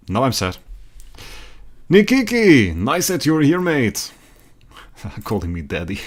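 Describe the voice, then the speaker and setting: This livestreaming gamer, a young German man, talks casually to his viewers as he plays. His mid-range voice rambles and repeats, punctuated by frequent laughter and abrupt bursts of excitement.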